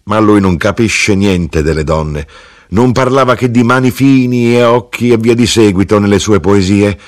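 A man narrating an audiobook of literary fiction, unhurried and expressive. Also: fairly low pitch.

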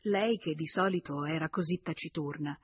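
A woman narrating a classic novel in a steady, measured reading voice. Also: low-pitched, husky, no echo. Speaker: audiobook narrator. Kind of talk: scripted narration.

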